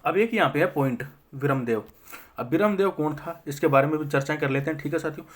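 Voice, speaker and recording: A young man teaching a history lesson for exam prep. He asks himself quick questions, answers them, and keeps checking in with his listeners. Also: fairly high pitch.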